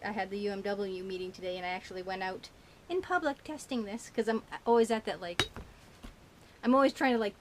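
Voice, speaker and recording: A woman vlogger chats to camera about her shopping haul in a rambling, casual way, giggling often and full of fillers. She speaks at a medium pitch, slightly slurred from a burnt tongue, with a little hiss or hum audible.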